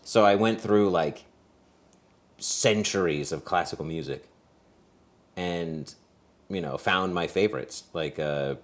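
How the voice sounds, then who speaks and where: A man's voice: deep voice, takes it slowly, pauses often. A young man co-hosting, talking in a rambling, reflective casual chat and often searching for words. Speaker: co-host.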